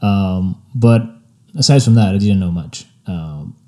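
Relaxed low-voiced man, French accent. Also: a little slow. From Spain. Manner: relaxed, laid-back and reflective, with frequent fillers. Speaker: photographer guest. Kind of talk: casual interview.

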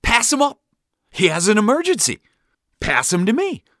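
A man voicing a stressed middle-aged dad who shouts loud commands from behind the wheel, pitched well above his own voice. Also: huge pitch swings, normal speed, no room sound, clean studio sound, full character voice. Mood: barking.

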